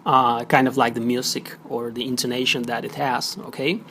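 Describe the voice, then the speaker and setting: Creaky-voiced male teacher explaining. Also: mid-range voice, little pitch movement, normal speed, sharp tone, a little hiss or hum. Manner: explanatory, many fillers and check-ins like "okay?". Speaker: Spanish teacher. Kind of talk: recorded audio lesson.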